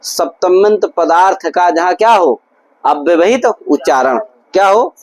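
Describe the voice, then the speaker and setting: A man's voice: high-pitched, lively intonation, unhurried, slight background noise, low-quality recording. A man teaching Sanskrit grammar in a classroom lecture, drilling his students with constant repeated questions. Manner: repetitive, drilling explanations. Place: gurukul classroom.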